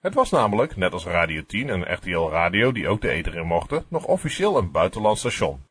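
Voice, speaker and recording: A man narrating a scripted radio history documentary as a podcast, with a husky voice. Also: low voice, big pitch swings, brisk, a bit bright, no echo.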